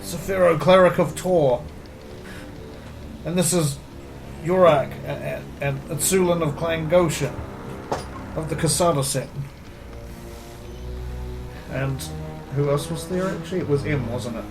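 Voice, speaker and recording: A man's voice: fairly high pitch, a little slow, pauses often. A man playing a tabletop game, mixing casual chat with speaking as his character. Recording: music behind the voice.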